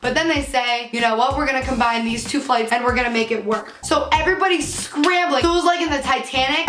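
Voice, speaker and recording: Young woman vlogging in an echoey room. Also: high voice. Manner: animated, profane, exasperated storytelling. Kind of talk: casual vlog storytelling. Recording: echoey room, faint music behind.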